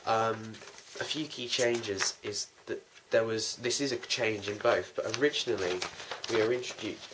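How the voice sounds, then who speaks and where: This is a young man hosting a behind-the-scenes vlog, who writes and produces a fan audio drama and talks casually and in a rambling, informal manner. His pitch is fairly low and his speed normal, and the amateur recording is noisy with clicks.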